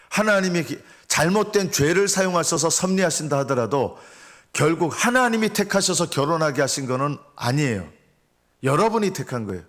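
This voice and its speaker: A middle-aged male pastor gives an early-morning sermon in a voice of average pitch. He preaches earnestly and keeps asking the congregation questions before he answers them himself. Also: fairly bright tone. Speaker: senior pastor.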